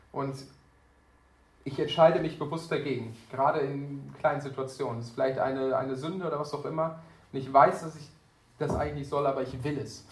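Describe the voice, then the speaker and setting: Earnest man preaching in an echoey hall. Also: mid-range voice. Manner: earnest, conversational, with frequent fillers. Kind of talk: sermon. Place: church hall.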